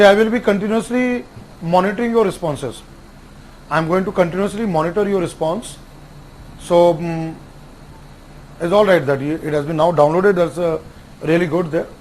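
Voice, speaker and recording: A man teaching an online exam-prep lecture, repeating key terms and spelling out acronyms slowly. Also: on the high side, slight background noise, rough recording. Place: classroom with whiteboard.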